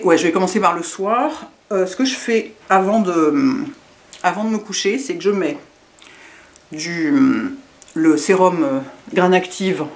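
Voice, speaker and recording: A middle-aged woman with a lisp and slushy s sounds, chatting casually in a rambling, self-mocking way as a beauty vlogger. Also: fairly low pitch.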